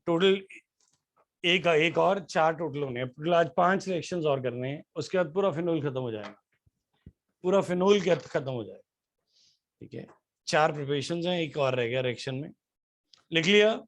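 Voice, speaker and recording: A man lectures a chemistry class, his voice sitting a little high for a man. He keeps tossing questions to the room and then answering them himself. When he reaches a formula, he spells it out one letter at a time. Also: moderate pace, long pauses. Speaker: chemistry teacher.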